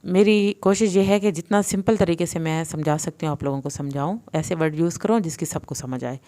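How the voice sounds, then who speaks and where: Patient woman teaching slow recitation. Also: sits low, a little mellow. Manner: patient, step-by-step explaining, drawn-out recitation. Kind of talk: tajweed lesson with slow recitation.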